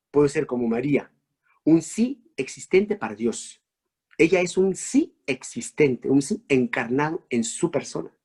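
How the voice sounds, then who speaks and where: A husky-voiced man from Mexico gives a fervent sermon as a priest. He throws out rhetorical questions and lets his pitch leap upward for emphasis. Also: darkish tone. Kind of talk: preaching reflection. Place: online talk.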